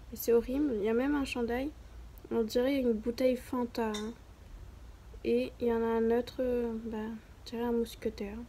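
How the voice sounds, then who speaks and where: A young woman from France chatting casually while browsing clothes online, rambling and self-mocking, sometimes dropping into soft whispered asides. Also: fairly high pitch, a little hiss or hum. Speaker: vlogger.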